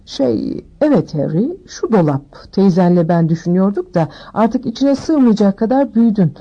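A woman voicing a blustering, bad-tempered middle-aged uncle who snaps gruffly. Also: mid-range voice, lively intonation, moderate pace, warm tone, highs cut off. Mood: curt.

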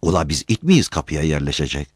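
A man's voice: very deep voice, big pitch swings, fairly quick, breathy edge, no echo, clean studio sound, full character voice. A man voicing a poor, defiant young villager who answers back bluntly. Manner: blunt, insolent retorts.

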